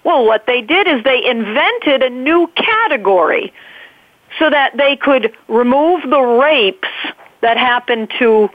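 Her animated, high-sitting voice comes through a tinny phone line, dry and without echo. A guest advocate with a New England accent, she argues earnestly and emphatically on a call-in show, rushing from point to point.

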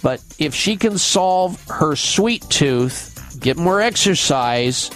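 Man, radio host, health advice talk, high register, faint music. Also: lively intonation, slow pace, a bit bright, rough recording.

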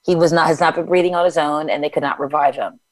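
A woman with a notably low voice reads her own memoir in the first person. In conversation she turns loose and chatty, scattering fillers through her talk. The recording is close and dry. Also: fairly even intonation, fast, no room sound, rough recording. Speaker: author and guest. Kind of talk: memoir reading then conversation.

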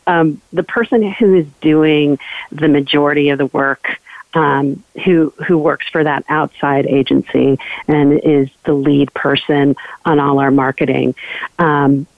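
A woman's voice: low-pitched, steady tone, measured pace, no echo. Woman calling in over a tinny phone line. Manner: hesitant, many ums and restarts. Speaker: radio show caller. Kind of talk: casual call-in question.

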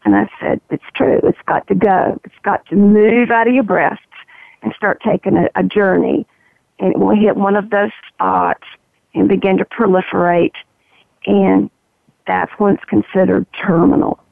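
A woman with a gravelly, froggy, medication-roughened voice gives a candid, reflective personal account as an interview guest, in halting phrases. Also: mid-range voice, fairly even intonation, no echo. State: voice roughened by morphine. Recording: narrow, tinny phone-line sound.

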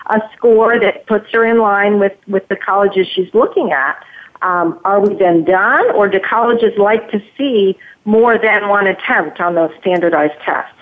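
A woman's voice: mid-range voice, unhurried. Middle-aged woman caller over a tinny phone. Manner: chatty, many fillers and restarts. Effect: heard over a phone line.

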